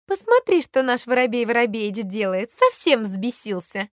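A lively little titmouse from a storybook chirps in amusement, as a woman voices her. The voice is very high and bright. The sound is dry. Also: moderate pace, no room sound. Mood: amused. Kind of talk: storybook reading.

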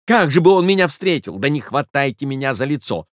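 A man voicing a flustered jealous gentleman who whines and panics. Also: mid-range voice, very animated, a little fast, no echo, clean studio sound, close to an everyday voice. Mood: frantic. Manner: panicky, whining. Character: flustered jealous middle-aged man hiding.

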